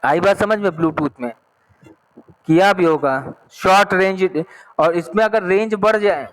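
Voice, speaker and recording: High-voiced male teacher explaining slowly. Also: rough recording. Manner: explains slowly, reads English text then repeats in Hindi; checks understanding often. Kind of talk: online class lesson.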